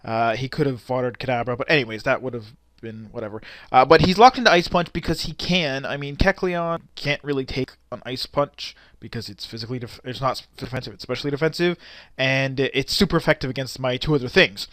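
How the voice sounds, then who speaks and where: A man's voice: medium pitch, a little fast, a bit bright, no echo. A young man giving casual, rambling commentary on a game replay, frustrated and swearing often, into a close desk mic. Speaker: gaming commentator.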